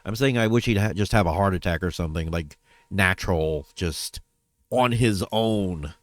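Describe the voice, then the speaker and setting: A man's voice: low voice, moderate pace, no room sound. A man talking casually in a personal vlog update, rambling, trailing off and correcting himself as he goes. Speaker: vlogger.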